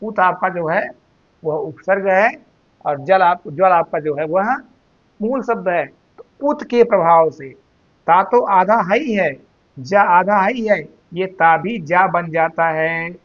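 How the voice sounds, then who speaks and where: High-voiced man teaching Hindi slowly. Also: highs cut off. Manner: slow, drawn-out repetition of words, addresses students as "beta". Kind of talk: spelling and grammar lesson.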